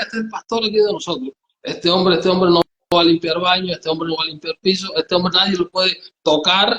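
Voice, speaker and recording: A man with a Cuban accent, a pastor telling his story in an interview, halting and repeating words as he goes. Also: fairly high pitch, reverberant, lo-fi sound, a little hiss or hum. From Cuba. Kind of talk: testimony in a conversational interview.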